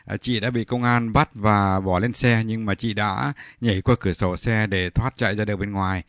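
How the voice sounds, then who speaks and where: A man's voice: lowish voice, steady tone, fairly quick, a bit bright, no echo, clean studio sound. A man hosting a radio show, asking questions in a formal, polite way. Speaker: radio host. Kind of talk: radio phone interview.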